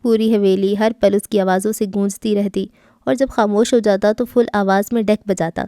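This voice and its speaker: A woman reads a novel aloud as an audiobook, smooth and expressive. Her voice is warm and mellow, at a middle pitch. The recording is dry and close, with no room sound. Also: no echo. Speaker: audiobook narrator. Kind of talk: scripted novel narration.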